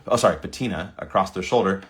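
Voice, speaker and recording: Male creator, lowish voice, casual read-through of prompts with loose reactions. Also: fast. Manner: reads prompts aloud, stumbles over words, laughs. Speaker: video creator. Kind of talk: casual screen-recording commentary.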